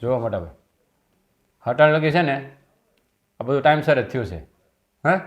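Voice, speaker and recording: An actor playing a resentful younger brother who insists on taking over the business in a family drama. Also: male voice, mid-range voice, lively intonation, moderate pace, highs cut off, natural voice. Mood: defiant. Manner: defiant, insistent. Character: resentful younger brother demanding his share. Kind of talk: Gujarati family stage drama.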